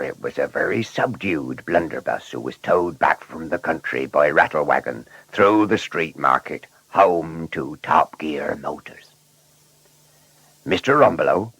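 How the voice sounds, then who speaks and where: Slow, gravelly male storyteller. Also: extremely low pitch, a bit bright, dry recording, rough recording. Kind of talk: scripted children's story narration.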